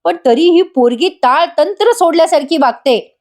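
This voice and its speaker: A woman's voice: very high voice, lively intonation, normal speed, a little mellow, pitched above the performer's own voice. A woman voicing a worried older father who laments his daughter's behavior, in a serial retold as a story.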